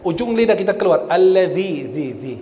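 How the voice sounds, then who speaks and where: A fairly quick-talking preacher with a high voice, Arabic by first language, teases and energizes his audience while drilling their Quran pronunciation one sound at a time. The recording, with its highs cut off, picks up echo from a large mosque hall and a soft murmur of background noise.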